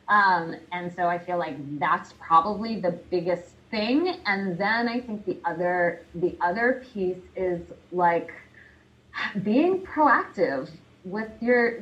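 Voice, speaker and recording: Answering an interview question, a woman career coach talks in an animated, chatty way, laughing often and using lots of fillers. Her voice is lowish, and the sound is lo-fi.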